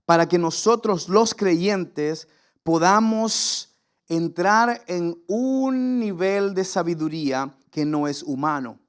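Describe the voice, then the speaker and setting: A Venezuelan man in his forties, a pastor preaching an impassioned sermon and having the congregation repeat lines after him. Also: high-pitched. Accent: Venezuelan Spanish.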